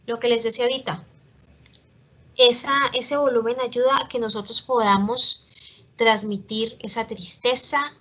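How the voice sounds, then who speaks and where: A woman teaches an online class, laying out each point step by step and checking in often with her students. Her voice is bright and fairly high with a slight husky edge. The call audio is muffled and lo-fi, like a laptop webcam mic. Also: fairly even intonation, a little slow. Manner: explains step by step, often checks in with "¿listo?" and "¿cierto?".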